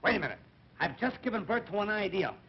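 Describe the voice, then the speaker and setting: Dull, noisy early talkie soundtrack of a cocky comic schemer. His voice is high and swoops about as he brags in grand, boastful phrases. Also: big pitch swings, fast, creaky, full character voice. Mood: cocky scheming. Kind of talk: early talkie film comedy acting.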